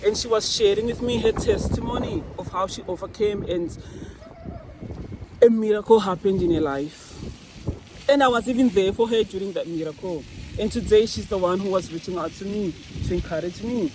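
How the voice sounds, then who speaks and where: A woman's voice: medium pitch, moderate pace, darkish tone. A woman giving an earnest, faith-filled personal testimony outdoors beside a fountain. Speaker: vlogger. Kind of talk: emotional personal monologue. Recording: noisy outdoor recording with water nearby.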